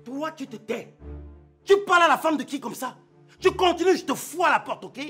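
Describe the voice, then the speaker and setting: A man's voice: extremely high pitch, expressive, brisk, a bit bright, soft background music. A man with a Cameroonian French accent playing a stern husband who scolds and commands in a family quarrel. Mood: scolding. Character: stern middle-aged husband, head of the house. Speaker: husband defending his wife.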